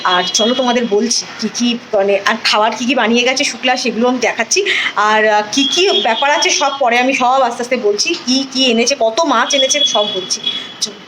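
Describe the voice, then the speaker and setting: A woman's voice: on the high side, a little fast, background noise. A woman chats homely and casually to her viewers while doing chores at home. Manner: chatty, homely, narrating chores. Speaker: homemaker vlogger. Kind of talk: casual daily vlog. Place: home kitchen and sunny outdoors.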